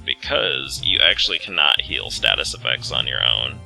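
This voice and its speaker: A man's voice: very deep voice, sing-song, moderate pace, vocal fry, bright, forceful tone, soft background music, low-quality recording. A man hosting a let's play with casual, rambling, self-deprecating game commentary.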